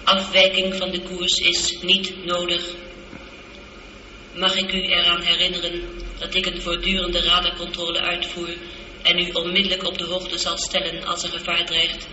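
An actress voices a female spaceship computer in a radio drama, sounding formal, measured, literal and calmly reassuring in a lowish voice. The recording resembles an old radio broadcast: dull, noisy and echoing.

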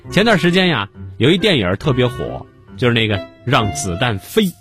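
一位男电台主持人在播讲写好的串词。. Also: male voice, mid-range voice, big pitch swings, moderate pace. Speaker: radio host. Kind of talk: scripted radio narration. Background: music.

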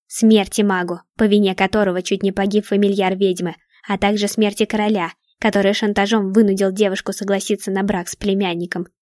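Brief: cruel dark witch, mocking and hissing, read by a woman, dry close sound. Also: mid-range voice, level tone, a little fast, hardly any pauses, dry recording, natural voice. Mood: defiant. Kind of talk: storybook reading.

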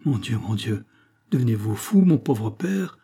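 A man's voice: sing-song, a little slow, mellow, breathy edge, full character voice. A man voicing a pleading young farm daughter. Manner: pleading, raised pitch. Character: anxious young woman, farmer's daughter.

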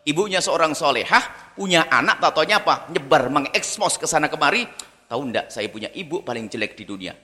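High-voiced preacher guy, bright sharp tone, big hall reverb. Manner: animated, rhetorical questions to the audience. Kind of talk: sermon.

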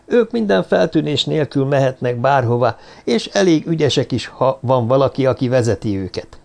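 A man's voice: mid-range voice, big pitch swings, gravelly, darkish tone. A man voicing a dry, ironic detective. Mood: dry, brisk. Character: sharp, coolly ironic male detective. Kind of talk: audiobook character reading.

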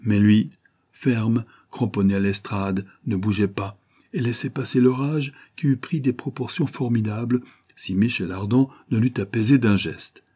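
Man reading a classic novel aloud, low dark voice, bit husky, measured. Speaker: audiobook narrator. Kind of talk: scripted narration of a classic novel.

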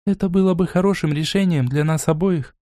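A man voicing a weary, evasive female elf captive in a raised, soft, tired voice. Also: high voice, fairly quick, dry recording, clean studio sound, voice pushed up, natural voice.

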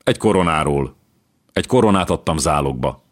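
A man's voice: rumbling low, expressive. A man voicing a cheerful, spendthrift old king who turns sheepish and evasive, in an audiobook reading. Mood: jovial.

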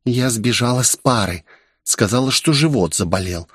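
A man voicing a shy, clingy young woman in an audiobook, speaking in a soft, pleading, raised voice. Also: mid-range voice, animated, moderate pace, breathy edge, no echo, clean studio sound. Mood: confiding.

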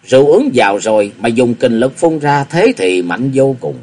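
Husky male storyteller. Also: medium pitch, lively intonation, normal speed, a little mellow. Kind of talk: audiobook narration of a wuxia novel.

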